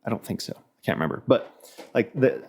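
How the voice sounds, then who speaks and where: A man's voice: lowish voice, lively intonation, a little fast, vocal fry, darkish tone, slightly rough. A man speaking as a podcast guest in a loose, rambling way, restarting his sentences and leaning on fillers. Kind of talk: casual podcast chat.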